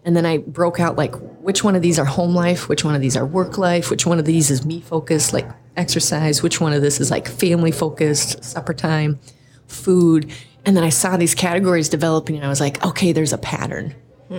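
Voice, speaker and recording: A woman's voice: low-pitched, steady tone, fairly quick, darkish tone. A middle-aged woman from the American Midwest, a podcast guest telling earnest personal stories in casual conversation with many fillers. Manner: earnest storytelling, frequent "like" fillers. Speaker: podcast guest, designer and coach.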